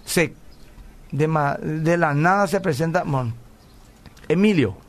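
Earnest pastor on the radio. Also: male voice, fairly high pitch, measured pace. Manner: earnest storytelling, often asks "¿verdad?". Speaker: pastor and radio program host. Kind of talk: radio call-in talk, answering listener messages.

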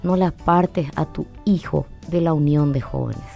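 A woman's voice: sits low, moderate pace, creaky, dark tone. Woman psychologist, preachy and earnest, faint music behind. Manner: earnest, preachy, keeps saying "my brother". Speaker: psychologist guest. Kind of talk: interview on faith and parenting.

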